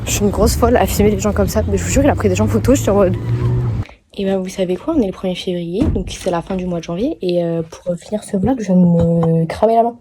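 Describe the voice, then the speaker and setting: A woman's voice: medium pitch, fast talker, background noise. A teenage young woman chatting casually to her vlog, telling rambling, slangy anecdotes and quoting people as she goes. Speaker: vlogger. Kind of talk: casual chat vlog, storytelling.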